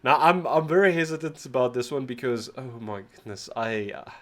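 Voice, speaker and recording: The host of a music reaction channel, a South African man whose first language is Afrikaans, chats casually in a reaction video while slightly sick. His medium-pitched voice is fairly quick, and he rambles, pokes fun at himself, and often restarts words.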